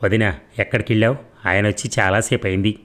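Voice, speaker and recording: A timid, anxious young woman in an audiobook novel, as a male reader puts her on. She speaks quickly and softly, with a low-set voice underneath. Plain, close storytelling. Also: steady tone, lightly acted. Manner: anxious, hurried.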